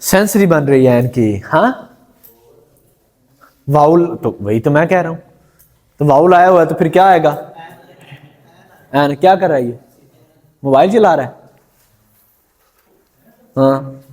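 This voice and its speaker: Male teacher lecturing a class, voice sits high, takes it slow, keeps asking the room questions. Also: lively intonation, darkish tone. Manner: asks the class questions and repeats answers. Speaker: English grammar teacher.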